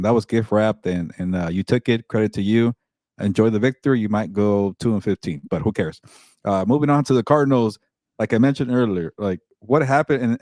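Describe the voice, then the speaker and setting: A man's voice: fairly low pitch, darkish tone, no echo, studio quality. A man co-hosting a sports podcast, giving blunt, opinionated takes in casual talk. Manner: blunt, opinionated, fast-talking. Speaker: podcast co-host.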